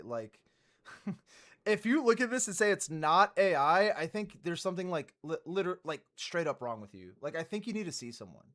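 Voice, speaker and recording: A man's voice: a little high, a bit bright. A man giving casual, rambling reaction commentary on music news as a streamer, swearing and laughing often.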